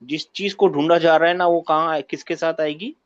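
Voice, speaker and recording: A man's voice: a little high, steady tone, no room sound, dull audio. Man teaching an online grammar class. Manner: patient, quizzing students, repeats points. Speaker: Arabic teacher.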